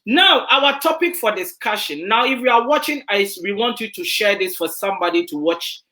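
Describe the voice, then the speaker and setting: An online talk show host leads the interview, voice bright and sharp. The pitch moves a lot as they speak. They repeat words for emphasis and ask questions directly. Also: expressive, moderate pace.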